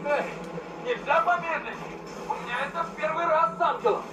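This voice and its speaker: A man acting in a video game as a wisecracking, talkative cop full of sarcastic, excitable banter. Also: extremely high pitch, brisk. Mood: panicked. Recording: echoey, distant sound with game music behind.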